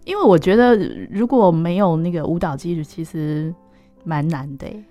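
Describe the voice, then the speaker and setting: A woman's voice: on the low side, normal speed, warm tone, highs cut off, faint music behind. A woman hosting a casual interview, speaking Taiwanese Mandarin and filling the talk with affirming interjections. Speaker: radio host.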